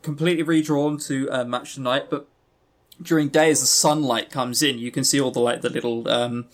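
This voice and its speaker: A man hosts a podcast reviewing visual novels, speaking in a mid-range voice with fairly even intonation at a fairly quick clip. His review talk is casual and rambling, wry and self-deprecating, with free swearing and stress on key words.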